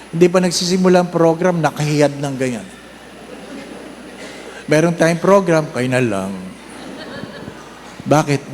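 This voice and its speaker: A man's voice: high-pitched, a little mellow, slight background noise. A man with a Filipino accent, a priest giving a humorous homily at Mass, mixing English and Tagalog and acting out parishioners in shifting voices. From Philippines. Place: church during Mass.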